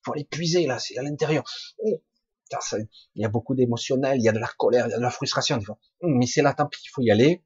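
A man with a husky, rough voice giving an informal spiritual talk to online listeners, halting yet emphatic, in colloquial, earthy wording. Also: mid-range voice, darkish tone, no room sound, lo-fi sound. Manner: halting and emphatic, with colloquial swearing and sound-effect words. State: coughing now and then. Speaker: spiritual teacher answering listeners' questions live.

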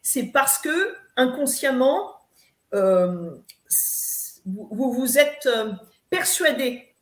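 Cast note: emphatic woman coach, high voice, roomy echo, lecturing with frequent fillers. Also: animated, drawn-out words. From eastern France. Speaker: spiritual coach guest. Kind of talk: live advice talk.

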